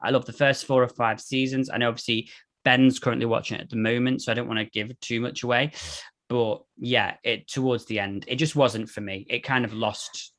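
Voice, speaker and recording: A man's voice: mid-range voice, steady tone, fairly quick, a bit bright. A man, co-hosting a podcast and chatting animatedly about a television series. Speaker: podcast co-host. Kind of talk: casual chat.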